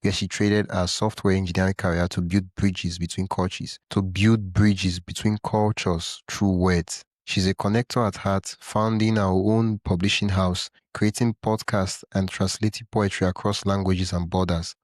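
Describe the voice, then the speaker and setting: Low-voiced podcast host man. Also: little pitch movement, moderate pace, few pauses, darkish tone, dry recording, studio quality. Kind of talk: podcast interview.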